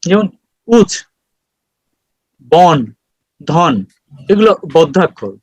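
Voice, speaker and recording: A man giving an online lecture on poetry meter, explaining slowly with many pauses and fillers over a video call. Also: sits high, lively intonation, a little mellow, no room sound, dull audio.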